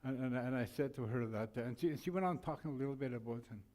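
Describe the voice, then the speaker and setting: A man's voice: mid-range voice, fast talker, warm tone. A man co-hosting a forum, giving closing remarks with a rambling, storytelling manner full of restarts. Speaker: forum co-host.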